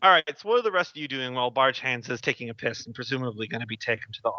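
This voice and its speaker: A man's voice: medium pitch, animated, very fast, bright, forceful tone, no room sound, lo-fi sound. A man, running a tabletop game as game master, moving between narration and casual chat. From United States.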